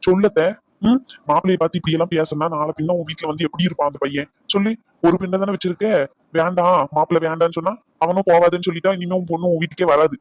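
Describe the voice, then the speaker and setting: An outspoken young nephew from a cartoon family drama, voiced by a man. He scolds in a quick, insistent voice. The recording is dry and close. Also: on the high side, fairly even intonation, no room sound, highs cut off, lightly acted. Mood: scolding.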